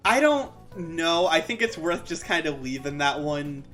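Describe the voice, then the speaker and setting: A woman's voice: low-pitched, animated, a bit bright, soft background music. Woman leading a casual debate. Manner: brisk, moves things along.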